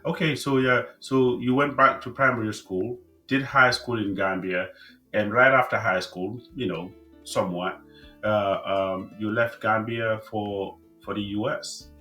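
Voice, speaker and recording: A man hosting a casual interview podcast, friendly and halting, with many restarts and fillers. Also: fairly low pitch, steady tone, bright, forceful tone, faint music behind. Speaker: podcast host.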